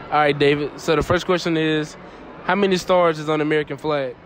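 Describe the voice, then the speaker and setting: A young street interviewer holding a phone as a microphone questions strangers in a shopping mall, repeating their answers back and laughing often. His voice is on the high side with fairly even intonation and a brisk pace, and there is a little hiss or hum in this casual street interview.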